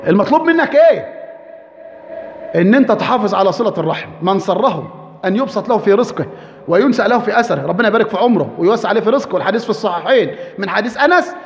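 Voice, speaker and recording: A man's voice: extremely high pitch, fairly bright tone, in a large hall. A man with an Egyptian accent preaching a sermon, emphatic, repeating his points and asking his listeners rhetorical questions. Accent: Egyptian Arabic.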